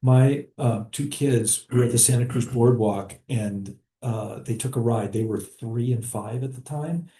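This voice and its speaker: A man's voice: mid-range voice, measured pace, hardly any pauses, warm tone. A male professor in a classroom, casually telling a story with many fillers. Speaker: history professor. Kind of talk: classroom discussion. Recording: echoey classroom.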